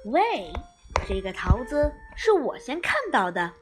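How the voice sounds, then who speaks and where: A woman voicing a boastful, quarrelsome male tabby cat who brags and taunts loudly. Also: a little high, very animated, slow pace, soft background music. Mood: boastful taunting. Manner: bragging, taunting, shouty.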